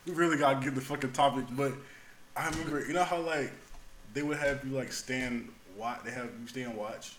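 A man co-hosting a casual podcast, telling stories and acting out the yelling. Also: mid-range voice, a little fast. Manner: storytelling, acts out yelling voices. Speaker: podcast co-host. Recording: echoey room with faint noise.

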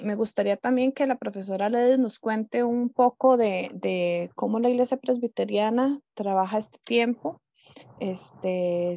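A woman's voice: fairly high pitch, darkish tone, dry recording. Courteous woman moderator, dry sound. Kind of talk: panel discussion.

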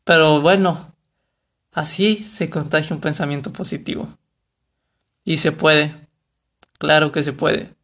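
A man's voice: a little high, steady tone, measured pace, pauses often, fairly bright tone. A young man with a Mexican Spanish accent, talking casually to camera about a book, rambling and correcting himself. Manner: rambling, self-correcting, colloquial. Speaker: vlogger reviewing a book.

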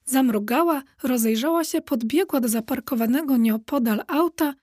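A woman narrating a children's audiobook with lively, expressive storytelling. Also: high-pitched, normal speed, no echo, clean studio sound.

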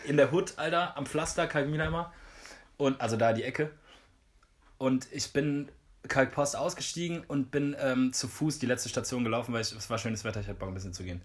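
A man's voice: medium pitch, fairly quick. A man, telling a story in casual chat and saying "Alter" a lot. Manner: animated slangy storyteller, says "Alter" a lot. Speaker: podcast co-host.

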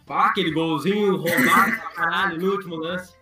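A man's voice: sits high, a little fast, over loud music. A man, a panelist in a casual sports chat, blunt, profane and indignant. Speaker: podcast panelist.

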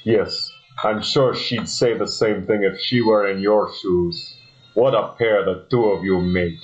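A man voicing a suave, calculating aristocratic husband in a parody soap opera, with smooth, theatrical delivery. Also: on the low side, steady tone, a little slow, highs cut off, natural voice. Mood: smug.

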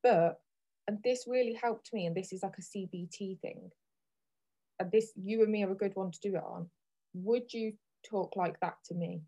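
A woman's voice: medium pitch, normal speed, mellow, low-quality recording. A woman, hosting a podcast as a candid, chatty conversation, laughing easily. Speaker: podcast host. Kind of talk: casual chat.

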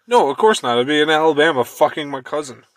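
Dude cracking jokes while guessing quiz answers, slightly high voice, dry sound. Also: male voice, expressive, quick pace, no echo. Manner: joking, guessing, self-mocking. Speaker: podcast co-host. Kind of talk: casual podcast banter.

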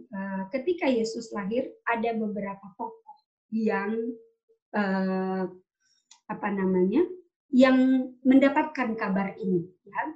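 A woman's voice: mid-range voice, darkish tone. A woman preaching and retelling a story to her congregation in a chatty way, with many fillers and tag questions. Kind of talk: sermon storytelling. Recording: dull lo-fi sound.

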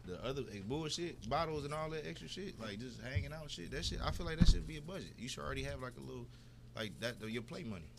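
A man's voice: medium pitch, animated, fast, creaky, noisy background. A man with a Detroit accent co-hosting a podcast in casual, profane chat, acting out quoted voices. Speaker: podcast co-host.

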